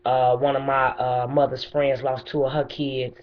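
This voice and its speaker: A woman's voice: extremely low pitch, little pitch movement, normal speed, muffled recording. A middle-aged woman making an unscripted spoken appeal in a plain, insistent, emphatic way. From Chicago, USA. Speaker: bereaved mother addressing the mayor.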